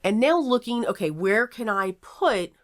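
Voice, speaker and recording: A woman hosting a casual craft tutorial in an echoey, sparsely furnished room, explaining each step aloud in an unhurried way. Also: fairly high pitch, animated. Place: small table in a nearly empty craft room.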